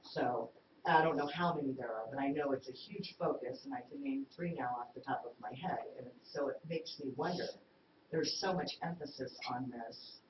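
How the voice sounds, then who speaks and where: A woman's voice: a bass voice, normal speed. A woman board member making her point at a school board meeting, firm, insistent and defensive. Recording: echoey, dull sound from a distant mic with noise.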